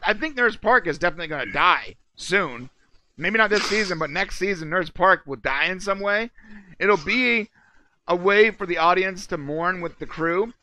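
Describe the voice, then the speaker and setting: A man co-hosting a TV recap show, chatting in an animated, rambling way with quick asides. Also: high voice. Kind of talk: casual review chat.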